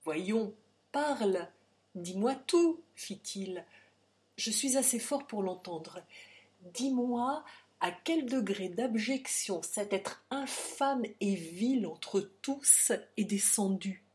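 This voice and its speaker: Woman voicing a frantic, shouting father. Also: mid-range voice, animated, slow pace. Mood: indignant. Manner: pleading, urgent, breaking into shouts. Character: anguished wealthy man, desperate father. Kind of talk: dramatic audiobook reading.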